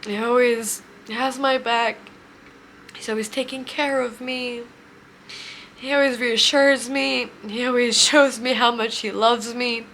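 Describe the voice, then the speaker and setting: A woman in her twenties telling a heartfelt personal story, emotional and near tears, speaking haltingly. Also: fairly high pitch, little pitch movement, a bit bright, a little hiss or hum. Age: 20s. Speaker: vlogger.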